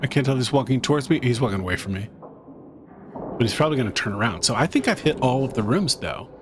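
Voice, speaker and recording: A man's voice: medium pitch, animated, fast, noisy background. A man giving tense running commentary while he plays a horror game, talking under his breath to himself and the viewer. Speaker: gaming YouTuber. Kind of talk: let's-play commentary.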